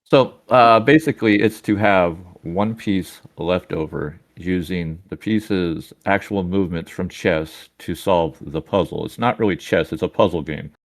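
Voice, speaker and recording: Deep voiced guy running the chat, direct, critiquing a game. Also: a little slow, few pauses. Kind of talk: casual chat.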